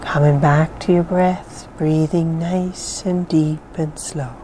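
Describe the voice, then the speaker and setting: A woman leading a guided meditation in a soft, calm, soothing voice, with phrases often trailing off into breathiness. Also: sits low, takes it slowly, slight background noise, poor audio. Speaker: mindfulness exercise guide.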